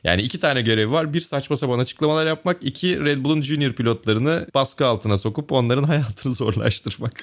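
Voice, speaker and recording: Man, casual talk show co-host, opinionated, mid-pitched, rambling with fillers. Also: brisk, hardly any pauses. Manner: opinionated, thinks aloud with fillers. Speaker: podcast co-host. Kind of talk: casual conversational commentary.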